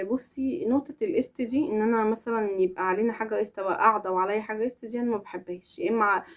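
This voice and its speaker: A woman's voice: medium pitch, a little mellow. A young woman with an Egyptian accent, chatting earnestly to camera as a vlogger answering viewers' questions and stressing her points with oaths. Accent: Egyptian Arabic. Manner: earnest, emphatic, swears oaths for emphasis. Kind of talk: casual chat to camera.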